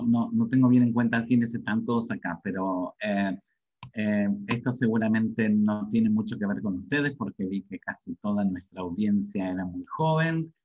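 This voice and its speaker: The muffled, dull sound of a webinar carries a middle-aged Argentine-accented teacher's lowish, somewhat mellow, slightly rough voice. He explains language points informally and keeps asking short tag questions to check on listeners.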